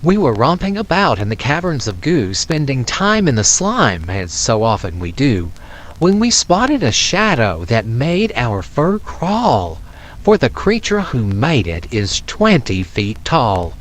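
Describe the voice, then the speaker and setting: A man voicing a timid, mischievous, excitable monkey in a storybook tale. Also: fairly high pitch, slow, heavily acted. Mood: excited, scared.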